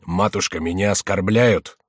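A man's voice: low-pitched, steady tone, moderate pace, no echo, studio quality. A man voicing a distraught, hot-tempered male king in an audiobook, wailing and ranting. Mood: reproachful.

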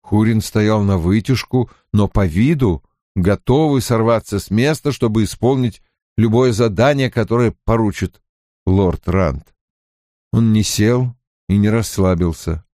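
A man's voice: fairly low pitch, a little slow, warm tone, dry recording. Male audiobook narrator, dry sound. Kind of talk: scripted narration.

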